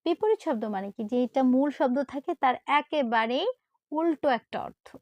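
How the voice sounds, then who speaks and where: A woman teacher patiently explaining a primary-school lesson, spelling out letters slowly with pauses. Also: high-pitched, lively intonation, a little mellow, no echo. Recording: dull dry lo-fi sound.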